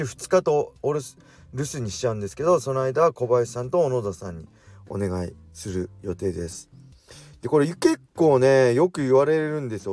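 Lively-voiced man hosting a solo radio talk. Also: mid-range voice. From Japan. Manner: speeds up as he talks, with self-corrections. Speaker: radio show host.

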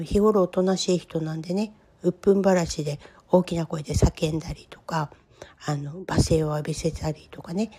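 A woman in her fifties hosting a solo podcast, talking about her own life in a gentle, confiding, reflective way. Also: lowish voice, husky. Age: 50s. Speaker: podcast host. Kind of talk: solo personal podcast talk.

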